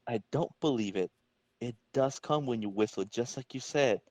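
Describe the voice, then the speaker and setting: A man's voice: medium pitch, normal speed, darkish tone, no room sound, close to an everyday voice. A man voicing a wry, determined college-age superhero in an amateur comic-book reading. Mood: strained, puzzled. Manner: wry, quippy.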